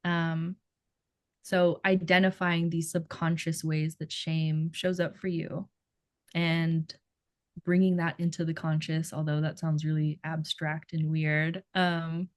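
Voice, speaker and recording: Slow-speaking Filipino-accented woman therapist. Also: low voice, flat delivery, dry recording, clean studio sound. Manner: thoughtful, gentle, searching for words. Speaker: therapist, podcast co-host. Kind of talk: casual podcast chat.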